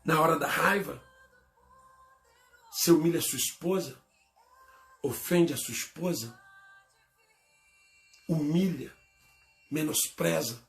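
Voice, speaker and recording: A man preaching a sermon as pastor, with a Brazilian Portuguese accent, swinging between loud emphatic bursts and quiet low asides. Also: slow, vocal fry, pauses often, faint music behind.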